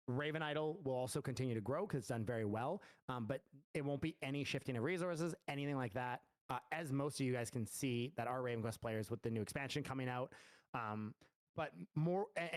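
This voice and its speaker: A man's voice: medium pitch, dry recording. A man, a game studio founder, answering community questions in a loose, rambling livestream chat full of fillers and restarts. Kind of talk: casual livestream Q&A.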